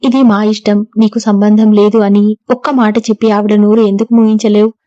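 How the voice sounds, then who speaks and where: A woman's voice: mid-range voice, little pitch movement, moderate pace, mellow, no echo, highs cut off, lightly acted. A woman reading a reproachful young wife. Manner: pleading, reproachful. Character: distressed young wife pleading with her husband. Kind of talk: audiobook character reading.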